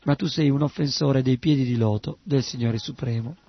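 A man voicing a calm, firm male magistrate who speaks in a measured, steady way. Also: mid-range voice, slightly rough, no echo, muffled recording. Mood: admonishing.

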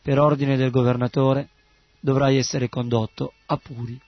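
A man voicing a calm, firm male magistrate who speaks in a measured, steady way. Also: mid-range voice, dry recording, dull audio, natural voice.

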